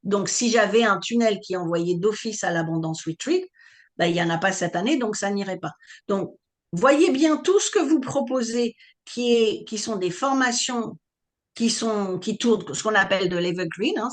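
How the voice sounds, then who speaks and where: Woman coach teaching a live webinar, explains patiently, keeps asking if it's clear. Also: mid-range voice. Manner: explanatory, checks on listeners with questions. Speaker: online business coach.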